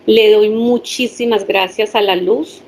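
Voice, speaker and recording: Woman, hypnotherapist, earnest and animated storytelling to a small group, faint background noise. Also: mid-range voice, measured pace. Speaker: hypnotherapist sharing experiences. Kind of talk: personal testimony to a small group.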